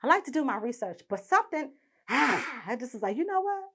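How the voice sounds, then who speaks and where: A woman's voice: sits high, sing-song, a little fast, fairly bright tone, husky. A young woman hosting her own podcast, ranting indignantly and swearing constantly. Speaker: podcast host. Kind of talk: profane ranting monologue.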